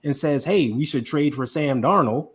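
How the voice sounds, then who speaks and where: A man co-hosting a podcast in casual sports chat, animated and repeating words for emphasis. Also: fairly high pitch, moderate pace, husky. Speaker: podcast co-host.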